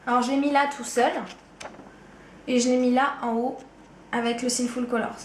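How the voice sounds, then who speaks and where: A woman's voice: fairly high pitch, flat delivery, moderate pace, echoey room, background noise. A woman vlogger with a touch of Ardennes French accent, chatting loosely and casually to camera about her favourite things. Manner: chatty, loose, slangy, trails off with "quoi". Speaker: beauty vlogger. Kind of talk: casual chat.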